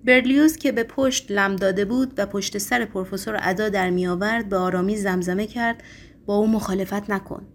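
A woman reads a novel aloud in a steady, measured audiobook narration. Her voice sits in an ordinary middle pitch. A faint hiss runs under the recording.

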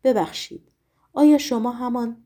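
A woman voicing a gentle, weary male writer who speaks hesitantly and resignedly. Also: very high-pitched, steady tone, pitched above the performer's own voice.

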